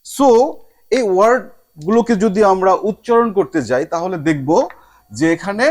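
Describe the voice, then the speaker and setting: A man with a high voice teaches a spoken lesson to his viewers. He slips English phrases into his sentences and drags each example word out slowly so it can be heard part by part. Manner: slow drawn-out word demonstrations; mixes English phrases into speech.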